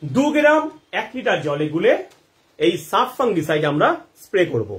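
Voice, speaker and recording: High, lively man teaching gardening. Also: moderate pace, a little hiss or hum. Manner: animated, asks rhetorical questions and answers them, checks in with listeners. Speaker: gardening advice host. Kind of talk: live-stream gardening Q&A.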